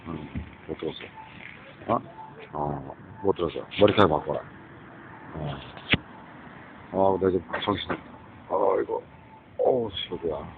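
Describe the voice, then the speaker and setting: A man's voice: deep voice, measured pace, pauses often. A man from the region, rambling in a monologue outdoors on a street, often asking "eh?" and slipping in English phrases. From Gyeongsang region, South Korea. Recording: tinny phone-like sound with faint street noise.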